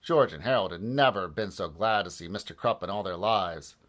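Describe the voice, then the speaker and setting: A man reading a children's book aloud with expressive, lively storytelling. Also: low voice, fairly quick. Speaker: audiobook narrator.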